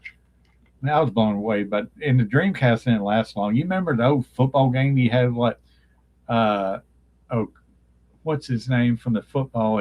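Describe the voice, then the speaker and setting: In a low-quality recording, a man with a medium-pitched, slightly mellow voice chats casually on a live stream from his childhood bedroom. He drifts between nostalgic topics, frequently stops to dredge up names, and sounds dry from talking so long.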